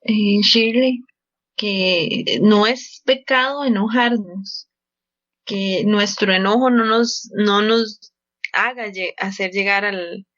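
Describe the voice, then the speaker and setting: A woman host joining in slowly during an interview, adding a religious remark. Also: medium pitch, fairly even intonation, fairly bright tone, no room sound, muffled recording. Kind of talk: interview talk.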